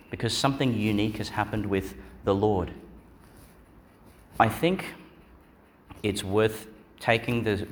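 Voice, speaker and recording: Male priest, low register, measured and reflective liturgical delivery; clear background noise on the recording. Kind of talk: solemn gospel reading and homily.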